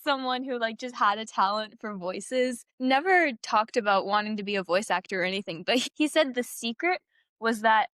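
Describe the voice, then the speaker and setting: A woman's voice: a little high, lively intonation, moderate pace, a bit bright, no echo. A woman co-hosting a podcast, chatting casually and rambling, often laughing. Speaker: podcast co-host.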